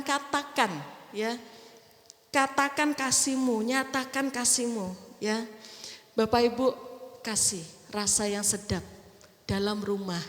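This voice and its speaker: A woman in middle age preaches in a church hall with a high voice. Her delivery is chatty as she acts out little quoted voices. The sound rings around the room with a long reverb tail. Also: fairly bright tone. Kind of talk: sermon.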